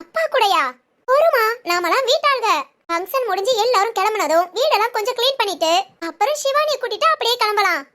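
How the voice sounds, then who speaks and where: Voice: very high-pitched, lively intonation, quick pace, sharp tone, full character voice. A performer voicing an earnest young woman friend who keeps coaxing with persistent questions.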